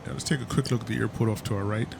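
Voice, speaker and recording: A man's voice: fairly low pitch, fairly even intonation, rapid-fire, vocal fry, noisy background. A man giving casual, chatty commentary over a flight simulator session, stumbling now and then with fillers. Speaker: flight sim YouTuber.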